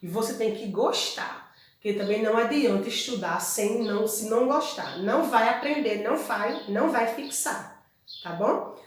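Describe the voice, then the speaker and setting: Woman, teacher explaining a lesson, fairly high voice, very echoey room. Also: normal speed. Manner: explanatory, checks in with tags like "ok?" and "tá?". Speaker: Spanish teacher. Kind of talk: online class lecture. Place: room at home.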